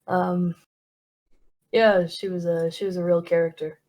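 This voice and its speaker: A woman's voice: lowish voice, level tone, a little slow, a little mellow. A woman chatting casually while playing a tabletop role-playing game, rambling with fillers and laughs.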